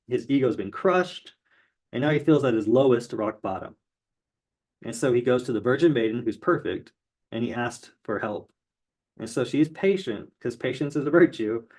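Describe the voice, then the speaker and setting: A man's voice: medium pitch, darkish tone. Male tarot teacher, loose conversational explainer, meandering with fillers. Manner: loose, rambling, many fillers. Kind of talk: casual explainer lesson.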